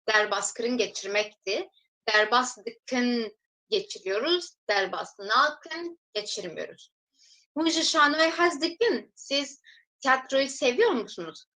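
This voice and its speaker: A woman teaching a recorded language lesson, explaining step by step, reading example sentences slowly and then translating them for viewers she calls friends. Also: a little high, bright, forceful tone, rough recording.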